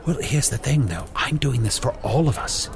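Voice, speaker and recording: A man playing a pompous old wizard in improvised fantasy comedy, with grandiose, halting, mock-archaic speech. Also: mid-range voice, lively intonation, vocal fry, soft background music. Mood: grandiose, mock-solemn. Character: pompous, theatrical old wizard, male, faking his own death.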